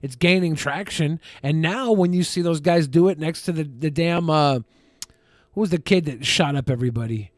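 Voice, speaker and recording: Higher-pitched man, profane mocking commentary. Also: moderate pace, dry recording, studio quality. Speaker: co-host. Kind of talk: casual comic commentary.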